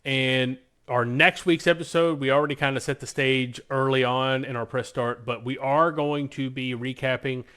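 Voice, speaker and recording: Talking games and films on a podcast he co-hosts, this man shares opinions enthusiastically and with emphasis in a casual chat. His medium-pitched voice is steady, sharp yet smooth, at a normal speed with hardly any pauses.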